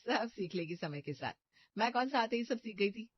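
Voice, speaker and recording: A woman plays a calm elder daughter-in-law in a cartoon who soothes everyone. She speaks softly in a mid-range voice. The recording is dry and a bit muffled. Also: mid-range voice, normal speed, slightly rough, dry recording. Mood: gentle. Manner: soft, soothing.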